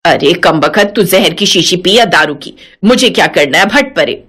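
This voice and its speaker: A woman voicing a sharp-tongued widowed mother-in-law in her sixties, scolding and scornful. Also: on the low side, expressive, normal speed, husky, pitched below the performer's own voice. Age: 60s. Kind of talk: animated story voice acting.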